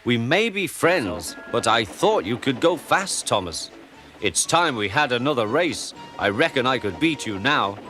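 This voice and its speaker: A man's voice: mid-range voice, big pitch swings, measured pace. A man voicing a boastful male bus who teases and challenges, over a storybook music bed. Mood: teasing. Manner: teasing, challenging.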